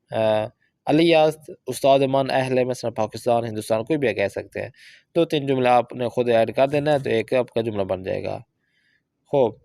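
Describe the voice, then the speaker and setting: A man teaching a Persian course, explaining exercises and reading example sentences out slowly and carefully. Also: mid-range voice, a little mellow, dry recording. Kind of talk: language lesson explaining book exercises.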